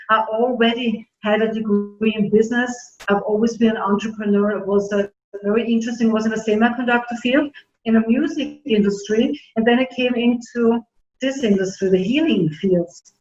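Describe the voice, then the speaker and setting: A middle-aged woman from Germany, raised in Austria, telling her story in an interview, earnest and halting with many fillers. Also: fairly high pitch, darkish tone. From born in Germany, grew up in Austria. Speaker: naturopathic doctor, guest. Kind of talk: casual interview talk. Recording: dull roomy audio.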